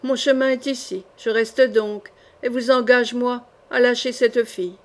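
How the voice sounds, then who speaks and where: A woman reading an audiobook, voicing a calm and gallant young knight who speaks gently and steadily. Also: on the high side, measured pace, natural voice.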